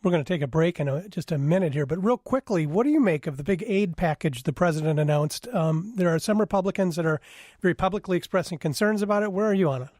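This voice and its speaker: A man's voice: sits high, fast talker, a little mellow, dry recording, studio quality. A man hosting a public radio show, interviewing in a courteous, direct way. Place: radio studio, dry close sound.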